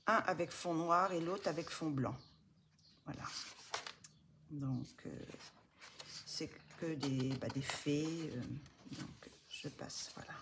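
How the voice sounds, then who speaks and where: A woman's voice: low voice, noisy background. A woman chatting casually as she shows coloring books, often dropping to a near whisper and gushing over the pages. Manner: soft-spoken, often drops to a near whisper, many fillers. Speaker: coloring book vlogger. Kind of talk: casual show-and-tell chat.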